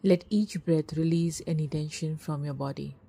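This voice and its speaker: A woman guiding a meditation, speaking slowly and soothingly, sometimes in a soft whisper, close to the mic. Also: sits low, creaky, a little hiss or hum. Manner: slow, soothing, partly whispered. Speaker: meditation guide. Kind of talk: guided meditation.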